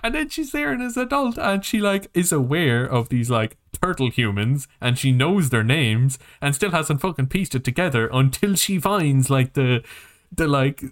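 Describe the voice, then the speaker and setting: Speaking at a moderate pace with a fairly high voice and lively intonation, a podcast co-host chats about movies and games. He rambles, gets emphatic and swears a lot.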